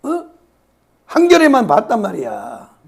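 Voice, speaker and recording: A hoarse man preaches a sermon in a gravelly, raspy voice. He repeats phrases for emphasis and at times sinks to a whisper. His pitch sits high and swings widely. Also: huge pitch swings, unhurried. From South Korea, Yeosu-Suncheon area. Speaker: pastor.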